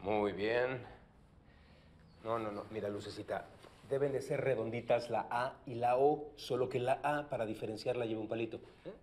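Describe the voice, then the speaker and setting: A man's voice: mid-range voice, fairly even intonation, normal speed, slight background noise, natural voice. A man playing an earnest schoolteacher. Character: male primary teacher, patient, firm with pupils. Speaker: primary school teacher. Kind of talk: TV drama acting. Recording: TV drama with loud music score.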